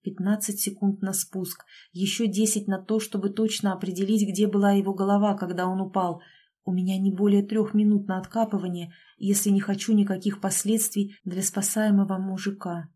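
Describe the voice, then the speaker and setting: A woman reads a first-person audiobook with a dark, mellow tone. Her telling is brisk and wry, and she slips into the characters' lines as she goes. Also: medium pitch, level tone, husky. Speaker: audiobook narrator.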